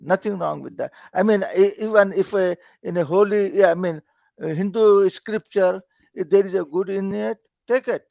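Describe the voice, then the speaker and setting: A man calling in to a live call-in show over a call line, speaking haltingly in simple, broken phrasing with many repeated words. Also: sits high, creaky, dry recording. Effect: call-in caller heard over a lo-fi call line. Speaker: call-in caller. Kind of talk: casual debate on a call-in stream. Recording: dull lo-fi call audio.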